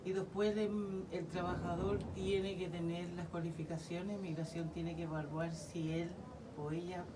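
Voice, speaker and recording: Chilean woman, low-pitched, measured legal explainer, off-mic with audible noise. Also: flat delivery, far from the mic. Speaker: community legal worker. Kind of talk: radio interview guest.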